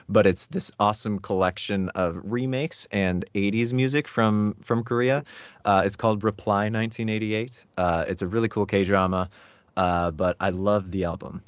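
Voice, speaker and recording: A man speaking as a voice actor guest in a relaxed, self-deprecating interview chat. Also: low-pitched, no room sound. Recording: dull lo-fi dry sound.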